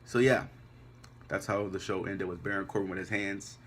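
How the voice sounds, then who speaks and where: Deep-voiced, profane male wrestling reviewer. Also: fairly even intonation, moderate pace, a bit bright, a little hiss or hum. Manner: profane, blunt, dismissive. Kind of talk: casual recap commentary.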